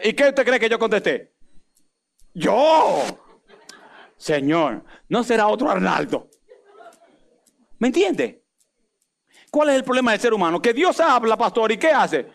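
A man's voice: very high-pitched, a little slow, gravelly, long pauses. A man preaching a sermon as a pastor, animatedly acting out dialogues and joking with the congregation. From Dominican Republic. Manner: animated, acts out dialogues with God and Moses, jokes with congregation.

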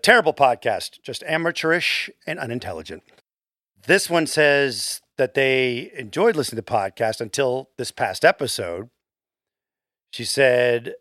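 A man's voice: mid-range voice, dry recording, studio quality. A man hosting a casual podcast and reading listener comments aloud. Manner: reads listener comments aloud, defensive but even. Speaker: podcast host.

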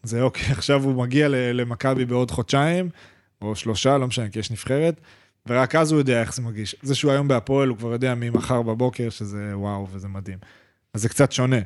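Young guy on a chill podcast, talks fast and all over the place, lots of bro slang, normal pitch. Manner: rapid, animated retelling full of restarts and slang. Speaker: podcast co-host. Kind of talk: casual chat, storytelling.

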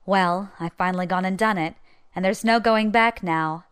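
A woman's voice: medium pitch, normal speed, clean tone, close to an everyday voice. An actress playing a wry, determined young pirate reading out her journal in an audio drama. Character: bold young woman pirate informant, nervous but determined.

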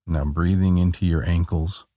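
A man guiding a body-scan relaxation in a calm, meditative tone, gently giving short soothing instructions. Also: deep voice, normal speed, dry recording. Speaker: meditation guide.

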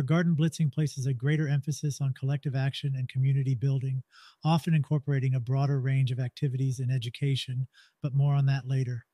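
Mellow-voiced man narrating a podcast. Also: medium pitch, dry recording. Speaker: podcast host. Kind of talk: scripted narration.

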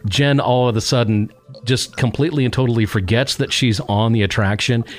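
A man's voice: mid-range voice, fairly even intonation, a little fast, soft background music. A man hosting a casual podcast, chatting and reading out news items with easy laughs. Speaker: podcast host.

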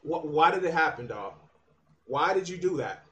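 A man's voice: on the high side, lively intonation, normal speed, a bit bright, highs cut off. A man hosting his channel, mocking and taunting someone in a profane heated argument. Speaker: channel host.

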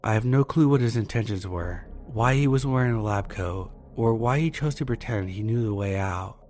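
Low-voiced man narrating horror stories. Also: moderate pace, a little mellow. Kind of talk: reading submitted true scary stories. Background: faint background music.

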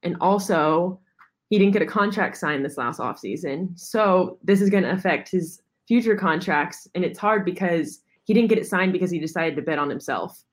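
A woman guest on a sports podcast with a somewhat low voice. She speaks earnestly and at length in casual chat, with "like" scattered through her sentences. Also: moderate pace. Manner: earnest, talkative, frequent "like".

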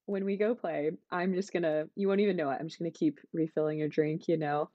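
A woman's voice: low-pitched, steady tone, fast, dry recording, lo-fi sound. A young woman guest on a podcast, chatting casually and giggling often, with lots of "like" in her speech. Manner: giggly, upbeat, says "like" a lot. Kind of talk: casual chat.

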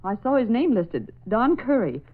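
An actress playing a reassuring newspaper secretary, in a 1940s radio drama. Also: female voice, a little high, big pitch swings, moderate pace. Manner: warmly reassuring. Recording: tinny old radio broadcast.

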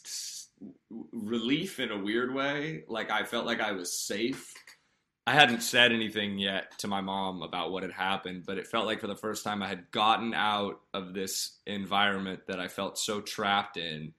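A man telling a personal story in a candid, earnest way, halting often with fillers and restarts. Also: on the low side, bright, forceful tone.

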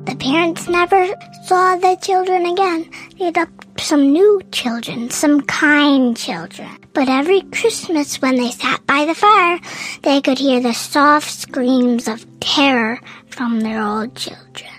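A young host narrating a scary story for kids, dramatic and slipping into whispers when things get creepy. The voice is very high and unhurried. Soft music plays faintly underneath.

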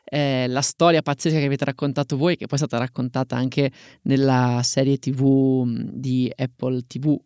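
Man, vocal fry, clean resonant tone, casual podcast co-host, storytelling. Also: medium pitch, little pitch movement, moderate pace, few pauses, a little mellow, no room sound, studio quality.

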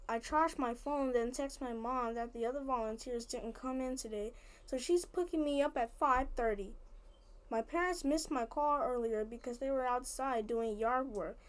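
A woman's voice: high-pitched, normal speed. Woman reading a children's story aloud. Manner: plain storybook reading with small slips and restarts. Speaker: story reader.

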